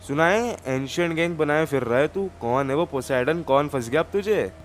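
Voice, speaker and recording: A hot-headed young gang leader voiced by a man who swears and threatens at an ordinary pitch. It is game roleplay voice acting, with faint noise behind. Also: lively intonation, normal speed, natural voice. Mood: taunting. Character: hot-tempered young male gang leader and devoted son.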